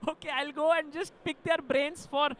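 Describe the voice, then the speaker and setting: A man with an Indian accent giving animated, agreeable live chess commentary. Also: very high voice, normal speed.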